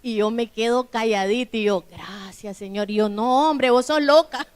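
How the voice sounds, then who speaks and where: Middle-aged woman pastor, high clear voice, testimony sermon with acted-out dialogue. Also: normal speed.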